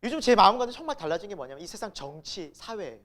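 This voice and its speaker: A woman's voice: medium pitch, sing-song, very fast. A middle-aged woman pastor preaching a sermon, emphatic, asking the congregation rhetorical questions and building to exclamations.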